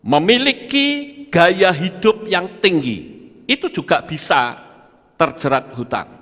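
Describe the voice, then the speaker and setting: Older pastor preaching hard, rhetorical questions, sharp voice in a big echoey hall. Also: male voice, sits high, very animated, slow pace. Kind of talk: sermon. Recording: long hall reverb.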